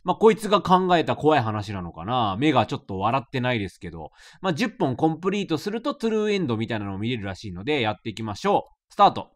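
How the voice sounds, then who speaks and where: A man streaming a horror novel game, reacting with quick joking asides between reading. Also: mid-range voice, very animated. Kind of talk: let's play commentary.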